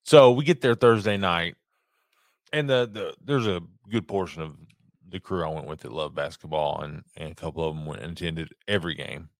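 A man with a low voice talks casually as a podcast co-host. The sound is dry, with hardly any room on it. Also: moderate pace, dry recording. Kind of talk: casual chat.

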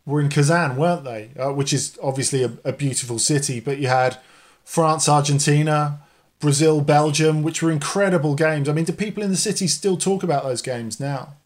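A man's voice: on the high side, brisk. A man working as an interviewer, putting questions in a conversational way.

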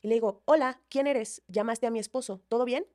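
Woman guest, quick and animated storyteller, slightly high voice, acts out quotes. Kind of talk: emotional personal storytelling.

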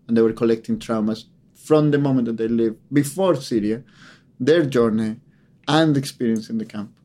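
A man's voice: mid-range voice, dark tone. A man, a photographer, giving a grave personal account in an interview, often repeating words as he searches for how to say things. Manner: halting, repeats words while searching for phrasing; earnest, grave storytelling.

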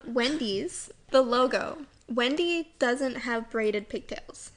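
A woman co-hosting a casual chat, talking in a chatty way, laughing often and dropping into low asides. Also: lively intonation, drawn-out words. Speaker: co-host.

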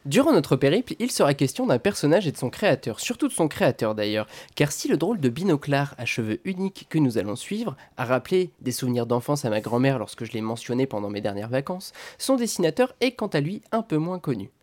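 Lively, playful podcast host, male. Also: medium pitch, fast talker, few pauses. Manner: playful, self-mocking, theatrical emphasis. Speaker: podcast host and comics reviewer. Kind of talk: scripted podcast introduction and review.

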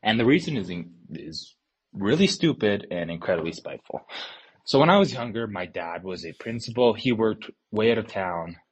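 A man tells an animated childhood story in a voicemail to a podcast. His voice is low and has a husky grain to it. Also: normal speed, poor audio. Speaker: voicemail caller.

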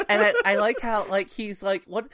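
A podcast co-host chatting about a book, animated and quick to act out bits. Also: medium pitch, dry recording, clean studio sound. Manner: animated, acts out characters, laughs a lot. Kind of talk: casual book-club chat.

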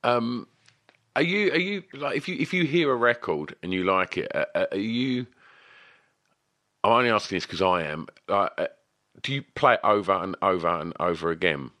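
A man's voice: lowish voice, animated, normal speed, pushed and bright, no room sound, studio quality. A man from Essex with an Essex accent, chattily and enthusiastically asking rambling questions in a casual music interview. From Essex, England.

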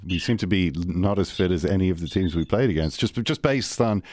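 A man co-hosting a football podcast, chatting in a fairly low voice and throwing in questions. The recording is dry and close. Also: a little fast, a little mellow, no echo. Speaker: podcast co-host. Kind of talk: casual podcast chat.

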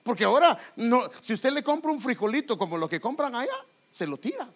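Animated, high-pitched preaching pastor. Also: male voice, fairly quick. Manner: animated preaching, addresses listeners as brother. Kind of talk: sermon.

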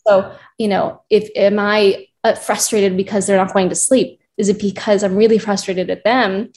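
A woman's voice: mid-range voice, level tone, moderate pace, darkish tone. A woman from the United States, a clinician, giving earnest advice as a guest in a conversational interview. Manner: earnest, advising, builds points in lists.

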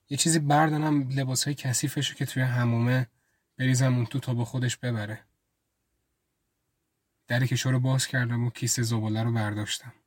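A man's voice: mid-range voice, darkish tone, dry recording. A man telling a first-person story as an intimate, reflective inner monologue, close to the mic. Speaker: storyteller and writer.

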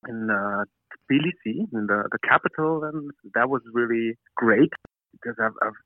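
Speaking English as a second language with an Austrian German accent, a man from Austria, an actor, is interviewed by phone from a hotel room. His mid-range voice keeps a moderate pace but he hesitates and uses many fillers, and the line sounds tinny and dry.

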